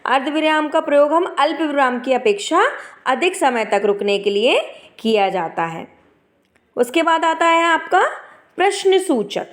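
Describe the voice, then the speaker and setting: A woman's voice: high voice, lively intonation, a little slow. Emphatic woman teaching a class. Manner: asks the class questions and answers them herself; emphatic teacher's cadence with many tag questions. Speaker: Hindi teacher. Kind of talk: classroom grammar lesson.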